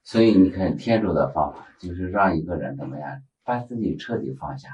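A man giving reflective religious commentary, explaining his points in measured teaching phrases. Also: sits low, expressive, a little mellow, highs cut off.

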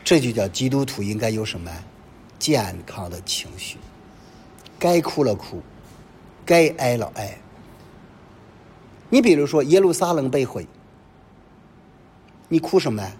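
Man preaching with lively pitch. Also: unhurried, pauses often. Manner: animated preaching full of rhetorical questions. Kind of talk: sermon. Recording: long reverb with faint low rumble.

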